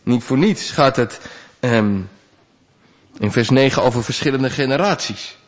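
A man preaching a sermon, earnest, rising to loud pleas and dropping to quiet asides. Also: medium pitch, a little slow. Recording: long church reverb.

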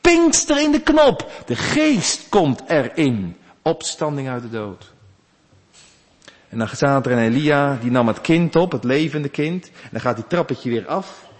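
A man preaching a sermon, telling the story dramatically, dropping to a hush and then rising loud. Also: mid-range voice, animated, unhurried. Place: church. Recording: long reverb of a church hall.

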